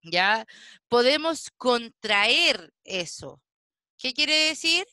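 Patient woman English teacher with a higher, crisp voice and a slow, checking delivery. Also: sing-song, bright, forceful tone, dry recording. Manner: slow, patient explaining with frequent checking questions. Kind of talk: online class lesson.

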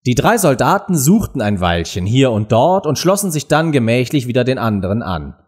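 A man reading a storybook aloud with lively, expressive narration. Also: medium pitch, normal speed, husky. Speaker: audiobook reader.

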